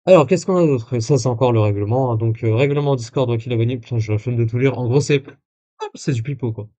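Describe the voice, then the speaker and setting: A man's voice: medium pitch, quick pace, mellow. Sarcastic man streaming live commentary. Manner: casual, many fillers and restarts, sarcastic asides.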